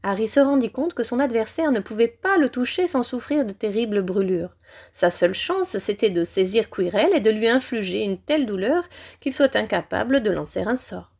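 A woman reading a fantasy novel aloud in an expressive, dramatic narration. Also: a little high, moderate pace, vocal fry, husky. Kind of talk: audiobook narration.

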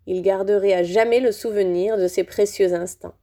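A woman reading a children's novel aloud in a steady, expressive way. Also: medium pitch, moderate pace. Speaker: audiobook reader. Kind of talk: storybook read aloud.

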